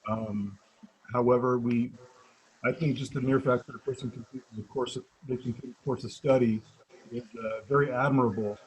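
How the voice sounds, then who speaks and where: A man's voice: medium pitch, steady tone, moderate pace, husky, poor audio. Hesitant man explaining probation work. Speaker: probation officer on a career panel. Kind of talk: panel talk to students.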